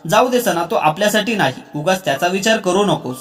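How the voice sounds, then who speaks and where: A man's voice: sits high, animated, fairly quick, faint music behind. A man voicing a shy, self-doubting young woman. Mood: wistful. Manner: wistful inner musing.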